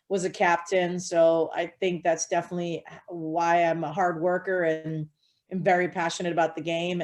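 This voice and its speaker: A woman from Hawaii, a head college softball coach, answering interview questions in an earnest, steady way with frequent fillers. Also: lowish voice.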